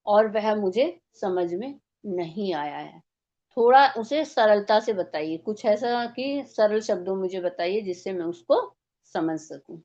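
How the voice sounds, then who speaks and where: A woman's voice: medium pitch, a little mellow, lo-fi sound. A woman teaching a devotional scripture class, explaining step by step and posing rhetorical questions.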